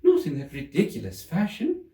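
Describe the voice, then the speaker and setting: A sulky little dormouse, pitched very high, grumbles peevishly and sleepily. It is a storybook creature in a roomy space. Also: male voice, huge pitch swings, normal speed, mellow. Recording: roomy, slightly distant microphone.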